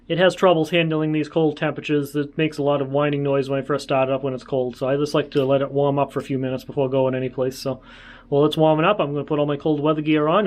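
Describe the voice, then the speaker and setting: Male travel vlogger, a touch high in pitch, informal and easygoing, wanders as he talks. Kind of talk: casual vlog chat.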